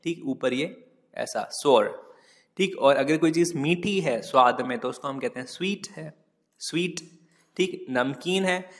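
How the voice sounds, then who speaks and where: A man's voice: on the high side, unhurried, big-room sound. A man teaching English vocabulary in Hindi, repeating and spelling words and often adding "ठीक". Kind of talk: casual Hindi vocabulary lesson.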